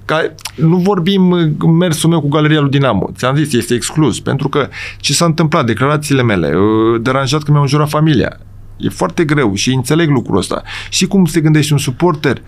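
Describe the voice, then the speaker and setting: Here a football coach in middle age talks casually with a podcast host in the studio. He's emphatic and meandering, restarting often and touching base with the host, and his voice runs on the high side.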